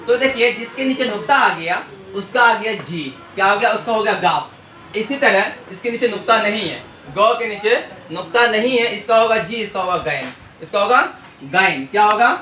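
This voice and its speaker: Teaching a language class at the board, this man asks questions and supplies the answers himself, call-and-response style. His high voice is expressive, pushed and bright, at a moderate pace. Faint hiss and echo fill the room.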